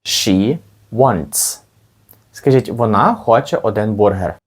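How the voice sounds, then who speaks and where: A man with a Ukrainian accent teaching an English lesson, explaining patiently and saying model phrases slowly for learners to repeat. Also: lowish voice, animated, breathy edge. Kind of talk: language lesson with slow repetitions.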